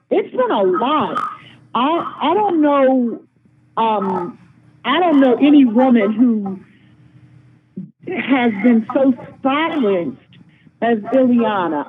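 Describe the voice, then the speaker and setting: A middle-aged woman calling into a show, giving her opinion earnestly with many pauses and ums. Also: a little high. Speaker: caller. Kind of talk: call-in opinion. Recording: tinny phone line, crowd noise behind.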